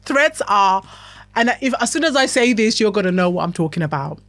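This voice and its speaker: A woman's voice: mid-range voice, expressive, fairly quick, a bit bright, no room sound. A woman hosting a podcast, giving a motivational self-help talk in a chatty, talkative way that keeps checking in with the listener. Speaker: podcast host.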